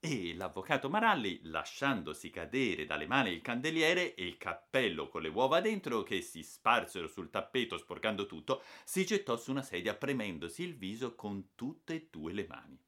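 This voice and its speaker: Animated, bright-voiced male storyteller. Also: lowish voice, moderate pace, few pauses. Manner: expressive, animated reading with shifting pace. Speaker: audiobook reader. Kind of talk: scripted storybook narration.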